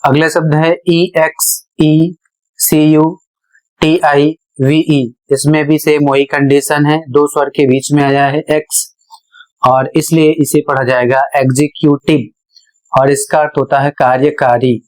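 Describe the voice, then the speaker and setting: A man's voice: fairly high pitch, level tone, measured pace, a little mellow, rough recording. A man giving a pronunciation lesson, spelling out words letter by letter and explaining each one. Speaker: English teacher.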